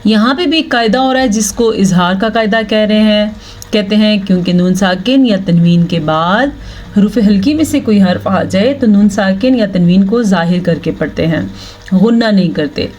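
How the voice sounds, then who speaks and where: A woman teaching Quran recitation rules step by step. She explains each rule patiently, checks in often, then chants the Arabic words slowly. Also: medium pitch, a little mellow. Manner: checks in with "thik hai" often. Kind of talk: slow, step-by-step tajweed lesson.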